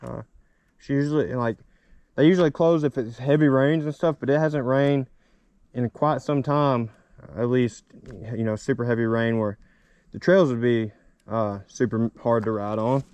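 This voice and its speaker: This motovlogger speaks at normal speed, his medium-pitched voice steady, darkish, and clean. Riding a small dirt bike, he rambles cheerfully and chattily while a chest-mounted action camera records his helmet-muffled voice dryly.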